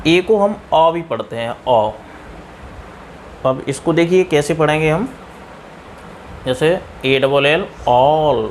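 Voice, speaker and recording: Indian man, slow letter-by-letter English teacher, slightly raised pitch. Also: slight background noise. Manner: slow, spells words out letter by letter. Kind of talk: spoken English pronunciation lesson.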